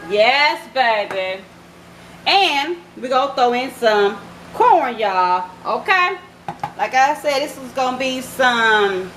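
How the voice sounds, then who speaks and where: A high-voiced woman talks her viewers through a recipe in her home kitchen, calling them "y'all" and "baby." She takes her time, and the kitchen sounds roomy and echoey with steady noise behind her. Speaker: cooking channel host. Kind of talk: casual cooking vlog narration.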